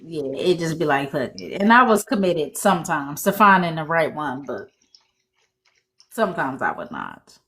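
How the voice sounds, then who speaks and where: A woman's voice: sits low, very animated, normal speed, a bit bright. A woman, co-hosting a casual chat podcast and telling stories in a laid-back way. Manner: laid-back, storytelling, laughs often. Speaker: podcast co-host.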